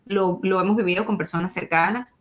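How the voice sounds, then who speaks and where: A woman tells her story in an interview. She often stops and restarts, repeating words as she searches for them, and her pitch sits in a middle range. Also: fairly even intonation, brisk. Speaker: interview guest. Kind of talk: emotional testimony in conversation.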